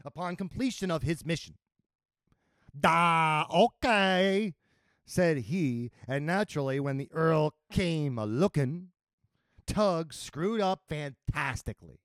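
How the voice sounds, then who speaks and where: A man narrating a comic fantasy tale with a playful, expressive delivery. His voice is fairly high, slow-paced and full of swings in pitch, recorded close and dry. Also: no room sound. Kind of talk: storytelling narration.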